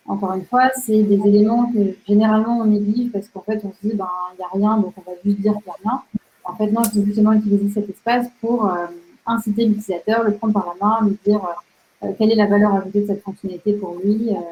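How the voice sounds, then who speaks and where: Woman, dull lo-fi sound. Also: mid-range voice. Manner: measured, with frequent fillers. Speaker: UX writer presenting. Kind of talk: casual presentation to an audience.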